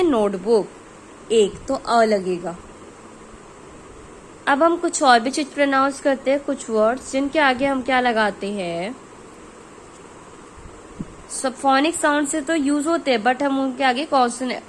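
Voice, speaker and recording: A young Indian woman teaching a grammar lesson to children, explaining slowly and carefully as she switches between Hindi and English. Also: sits high, fairly bright tone, a little hiss or hum, rough recording.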